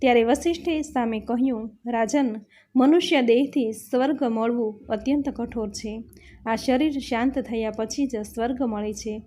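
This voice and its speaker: A woman reading a devotional scripture story aloud in a measured narrating style, voicing the quoted lines of sages and kings. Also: fairly high pitch, mellow.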